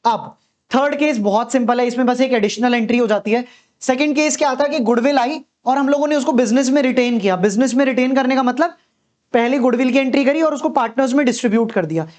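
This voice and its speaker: An extremely high-pitched man with a darkish tone delivers a quick-paced accountancy lecture. Posing questions, he answers them as his students might, returning again and again to a reassuring "okay" to check understanding.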